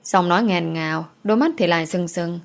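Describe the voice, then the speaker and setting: A woman reading an audio novel in a steady voice. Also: on the low side, a little fast, gravelly. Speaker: narrator.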